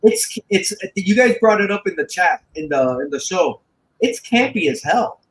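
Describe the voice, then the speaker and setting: Man, thirties, high voice, animated, repeats himself, casual podcast chat. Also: moderate pace, rough recording. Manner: animated, repeats himself, stumbles over words. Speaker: podcast co-host.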